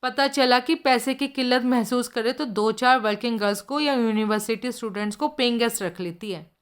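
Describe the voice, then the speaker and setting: A woman's voice: on the high side, moderate pace, smooth, close to an everyday voice. A woman voicing a blunt, streetwise middle-aged male informant who tells gossip in slangy speech. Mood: gossipy.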